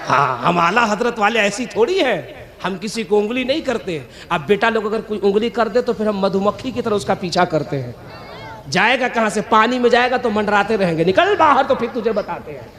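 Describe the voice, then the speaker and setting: A man giving a sermon to a crowd, telling stories with mocking humor and often shouting. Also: sits high, expressive, a little fast. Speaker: Islamic preacher.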